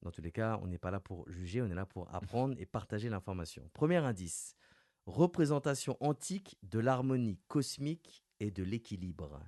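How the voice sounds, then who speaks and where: Lively radio host, low dry voice. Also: male voice, moderate pace, no room sound. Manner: lively, playful, announces clues with rising emphasis. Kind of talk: radio interview with a quiz game. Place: radio studio.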